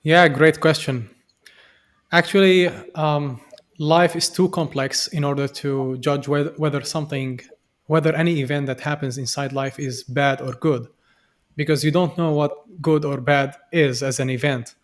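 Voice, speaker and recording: Young man, from Syria, podcast guest, earnest, fairly high voice, halting with fillers. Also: fairly even intonation. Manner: earnest and reflective, many restarts and fillers. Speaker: podcast guest, software developer. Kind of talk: conversational interview.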